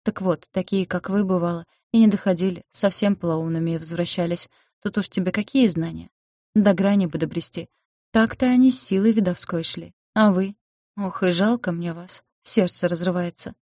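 A woman's voice: lowish voice, normal speed, darkish tone, dry recording, studio quality, natural voice. Woman voicing a fretful old village healer. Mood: lamenting. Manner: folksy, lamenting, scolding.

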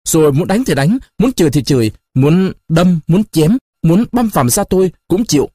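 A man voicing a young wife, indignant and defiant, with a shrill, sharp, stubborn way of talking in a story reading. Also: animated, moderate pace, dry recording, studio quality.

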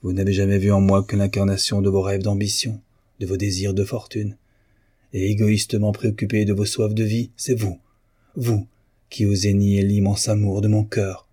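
A man's voice: on the low side, level tone, normal speed, mellow, husky. A man reading the part of a proud, honest bourgeois husband, impassioned and pleading, in an audiobook of a novel. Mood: indignant, stern. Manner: impassioned, pleading then commanding.

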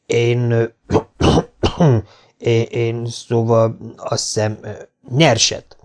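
A man's voice: on the low side, fairly even intonation, darkish tone, lightly acted. A man doing a stammering shy old farmer. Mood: bashful, flustered. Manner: halting, full of hesitations.

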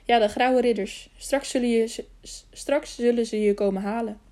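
A woman reading the part of a young noble girl who talks in a hushed, urgent way, in an audiobook. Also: a little high, steady tone, moderate pace, natural voice. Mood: anxious.

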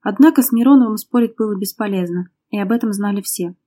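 A woman's voice: mid-range voice, quick pace, warm tone. A woman reading an audiobook, narrating a tense domestic drama in a dramatic storytelling manner. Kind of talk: scripted narration.

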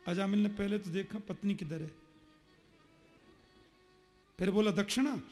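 A man preaching a Hindi devotional story sermon, acting out the characters' dialogue with changing pitch and loudness. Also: fairly even intonation, unhurried, soft background music.

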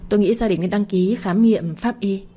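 A woman voicing a calm, composed female doctor who speaks in a measured, firm way in a storybook narration. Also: mid-range voice, a little hiss or hum, natural voice.

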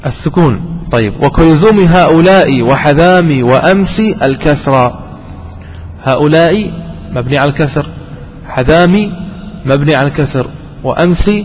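A man's voice: a little high, long reverb tail, slight background noise, poor audio. A man giving a classroom grammar lesson who keeps asking his listeners questions, answers them himself and repeats each definition. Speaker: grammar teacher.

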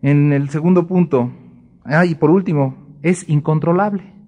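A man teaching a Bible class in sermon style, lively, acting out short dialogues in other voices. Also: on the high side, normal speed.

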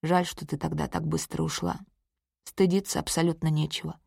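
A woman reading the part of a calm, kindly man who speaks in a soft, steady way. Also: sits low, moderate pace, creaky, husky, dry recording, studio quality, pitched below the performer's own voice, heavily acted. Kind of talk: audiobook character reading.

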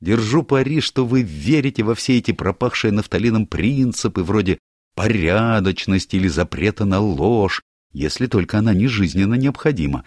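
A man's voice: on the low side, animated, moderate pace, a little mellow, no echo, studio quality, pitched above the performer's own voice. A man voicing a teasing, outspoken young woman in an audiobook, gushing and theatrical. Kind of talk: audiobook character voice.

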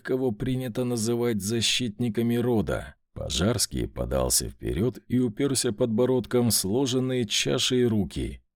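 A man narrating a fantasy audiobook in an expressive, dramatic storytelling manner. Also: medium pitch, no room sound, studio quality.

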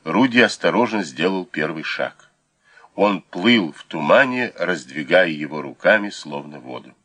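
A man reads an audiobook aloud with expressive, measured storytelling. His voice is very low yet bright, and his pitch moves a lot. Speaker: audiobook narrator. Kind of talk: scripted audiobook narration.

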